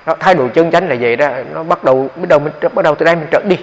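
A man's voice: on the high side, racing. A man, a Buddhist monk giving a dharma talk on meditation in a conversational, explanatory way, often repeating his words. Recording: echoey hall, dull lo-fi sound.

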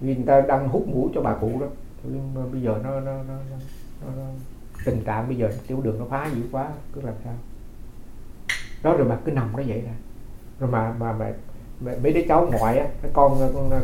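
A man's voice: medium pitch, mellow, roomy sound, a little hiss or hum, rough recording. A man who is a Buddhist monk from Vietnam, giving a dharma talk as folksy storytelling, often repeating his words.

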